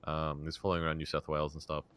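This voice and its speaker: A young man guesting on a casual gaming podcast, excited and slangy, restarting often. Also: a bass voice, racing, smooth. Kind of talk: casual chat.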